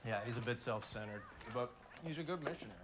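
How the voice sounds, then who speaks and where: A man's voice: medium pitch, fast talker, very noisy, natural voice. A young man playing an easygoing, peacemaking missionary who speaks matter-of-factly. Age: young adult.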